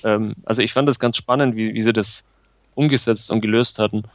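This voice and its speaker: A man's voice: on the low side, steady tone, fairly quick. A man co-hosting a casual film review chat, analytical and hesitant, with many fillers. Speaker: film podcast co-host.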